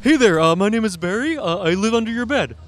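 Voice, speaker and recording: A man's voice: high voice, animated, fast talker. A man voicing a timid, goofy monster who lives under the bed, talking bashfully as a puppet at a haunt event. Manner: goofy, bashful, nervous joking.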